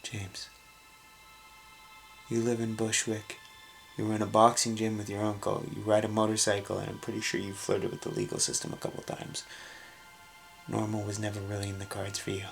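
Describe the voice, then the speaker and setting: An actor playing a companion who asks gentle, teasing questions in a film scene. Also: male voice, on the low side, wildly swooping pitch, moderate pace, creaky, pauses often, soft background music, full character voice. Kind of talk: dramatic film dialogue.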